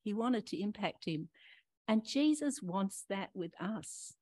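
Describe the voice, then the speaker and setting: An older woman preaching a gentle, reflective sermon, talking straight to her listeners and asking them questions. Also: mid-range voice, lively intonation, takes it slowly, no echo. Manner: warm questioning, talks to listeners directly.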